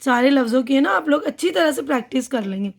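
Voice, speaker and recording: A woman teacher giving a patient primary school lesson, explaining slowly and often checking that the children follow. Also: high-pitched, animated, vocal fry. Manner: patient, slow explaining, often asks "right?".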